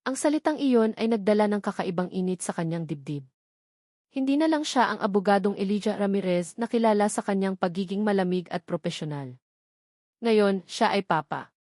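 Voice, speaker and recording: A woman narrates a scripted dramatic story in a mid-range, slightly mellow voice, animated and at normal speed. The recording is clean studio sound with no room echo.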